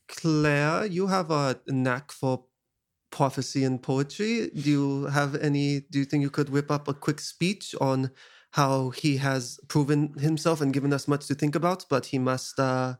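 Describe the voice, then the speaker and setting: A man's voice: fairly high pitch, fairly even intonation. A man playing a tabletop game, giving directions and laying out plans. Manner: planning, directive, quick bursts. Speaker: player. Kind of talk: casual chat.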